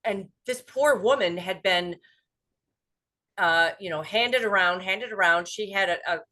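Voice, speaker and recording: A woman's voice: medium pitch, unhurried. A woman hosting a casual podcast chat as a dental hygienist, telling stories and acting out what people said. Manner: animated storyteller who acts out quotes.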